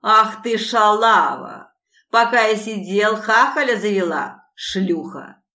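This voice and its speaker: A man's voice: high-pitched, slow pace, fairly bright tone. Woman voicing a snarling abusive man, coarse insults, audiobook. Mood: spiteful. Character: brutal, abusive male ex-husband.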